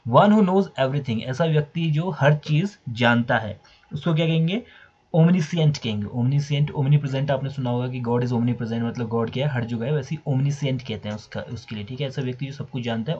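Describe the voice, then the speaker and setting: A man's voice: medium pitch, brisk, a little mellow, husky. A man teaching English vocabulary, explaining meanings and spelling words out letter by letter. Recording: dull lo-fi recording.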